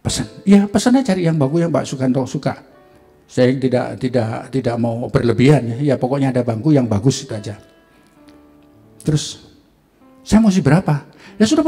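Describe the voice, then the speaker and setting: A middle-aged man with an Indonesian accent, preaching a sermon as a pastor and telling a personal story, acting out the dialogue in a livelier, higher voice. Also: dark tone, slightly rough. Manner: storytelling, acts out dialogue with rising pitch, laughs. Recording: faint music behind.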